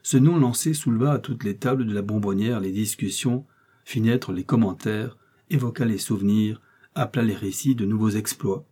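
A man narrating a classic French novel as an audiobook, measured and literary. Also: lowish voice, dark tone, husky.

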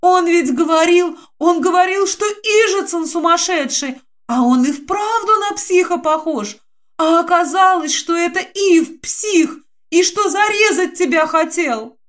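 A woman voicing a frightened, tearful young woman who talks in a high, breathless, pleading rush. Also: a little slow.

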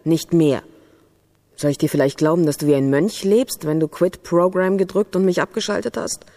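A woman's voice: lowish voice, moderate pace, warm tone. An actress playing a jealous, suspicious female computer program who is a virtual lover, in a radio play. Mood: accusing, jealous. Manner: accusing, jealous, interrogating.

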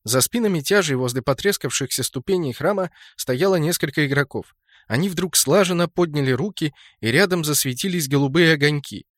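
A man narrating a fantasy game novel in a steady storytelling voice, lifting it sharply for shouted lines. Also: fairly high pitch, fairly quick, dry recording, studio quality. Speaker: audiobook narrator.

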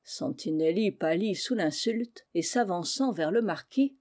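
A woman reading a historical tale aloud in measured storytelling narration, gently voicing the characters' quoted lines. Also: fairly low pitch, lively intonation. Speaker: audiobook reader.

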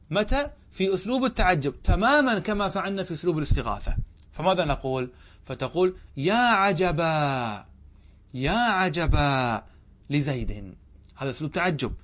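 A man, a sheikh, giving a classroom lecture on a grammar text. He reads a passage, explains it, asks questions and answers them himself, and repeats examples slowly. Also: on the high side, fairly bright tone. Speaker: sheikh teaching Arabic grammar.

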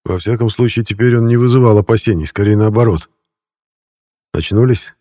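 A man narrating a novel in a steady, measured storytelling manner. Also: fairly low pitch, dry recording, studio quality. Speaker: audiobook reader. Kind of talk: scripted narration.

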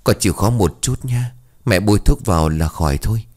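A man's voice: on the low side, expressive, fairly quick, darkish tone. A man voicing a frightened village mother who questions her son urgently. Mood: gentle.

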